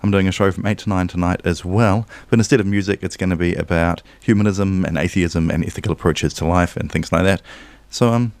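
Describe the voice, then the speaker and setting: A man's voice: deep voice, fairly quick, darkish tone, dry recording. A man hosting a community radio music show, chatting casually and cheerfully between songs. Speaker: radio DJ and host. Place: radio studio. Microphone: studio microphone.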